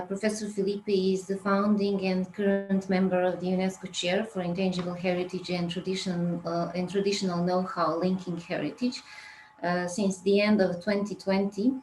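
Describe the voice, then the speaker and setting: Flat-toned woman moderator in echoey room. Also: mid-range voice. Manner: formal, read from notes. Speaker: event moderator. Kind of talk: formal introduction.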